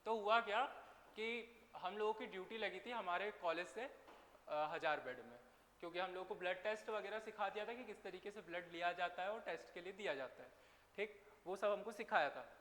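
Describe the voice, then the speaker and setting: A man's voice: sits high, a little fast, pushed and bright. A man teaching a biology class, chatty and teasing his students as he tells a story. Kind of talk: classroom lecture with anecdotes. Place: large echoey classroom. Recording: echoey hall, faint room noise.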